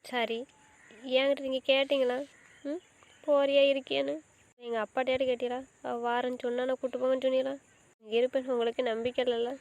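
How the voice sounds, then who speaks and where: A woman's voice: sits high, level tone, fast, long pauses, darkish tone, highs cut off. A woman playing a hurt young wife in an amateur drama, scolding and insisting. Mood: angry. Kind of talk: amateur web drama acting.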